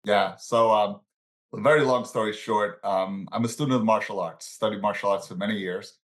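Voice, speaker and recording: Born in Italy and brought up in the Bronx, New York, this man in his sixties is a financial services professional and coach appearing as a guest in a casual interview. He speaks at a moderate pace in a lowish voice, relaxed as he shares life stories and chuckles between them.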